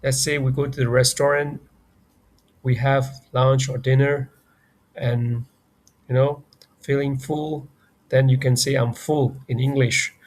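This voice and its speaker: A man with a Burmese accent, a native speaker of Burmese, teaches a beginner lesson at a slow, unhurried pace. He sits in the middle of the male range and speaks carefully, saying each example phrase twice. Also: mid-range voice, flat delivery. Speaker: Burmese language tutor.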